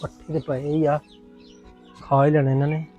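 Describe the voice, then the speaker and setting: A man's voice: a little high, flat delivery, normal speed, warm tone, faint music behind, close to an everyday voice. A young man playing a hot-tempered husband who frets aloud and then scolds his wife, in a family drama. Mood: worried. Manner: muttering to himself, then exasperated scolding. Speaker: actor in a family web drama. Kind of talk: acted family drama dialogue. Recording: dull, muffled recording.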